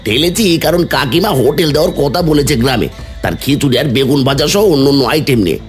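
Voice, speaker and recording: Cartoon: male actor as a smug village schemer, bossy and teasing, swinging pitch. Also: lively intonation, fast, soft background music, lightly acted. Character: scheming, smug village husband, jealous of neighbors.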